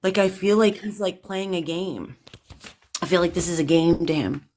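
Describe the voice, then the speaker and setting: Drained, low-voiced woman ghost-hunting host. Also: moderate pace, a little mellow. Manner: anxious, rambling with restarts. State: exhausted, drained. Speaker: paranormal investigator host. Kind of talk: live-stream chat.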